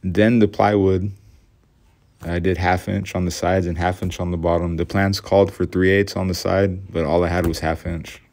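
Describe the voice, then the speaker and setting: A man's voice: deep voice, level tone, normal speed, darkish tone. A middle-aged man giving a plain, matter-of-fact voice-over about building his own boat, a little self-deprecating about his mistakes. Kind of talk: casual voice-over narration.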